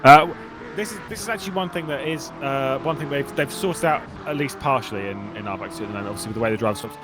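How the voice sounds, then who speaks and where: A man's voice: medium pitch, quick pace, music in the background. A man commentating an online race broadcast in a casual, chatty way, laughing and restarting his sentences. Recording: steady background noise.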